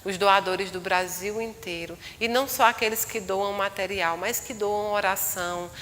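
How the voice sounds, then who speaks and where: A woman medium telling a story in a live talk, acting out the people in her story in a lively way. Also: medium pitch, normal speed, a little hiss or hum. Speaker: spiritual medium speaking live. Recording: long hall reverb.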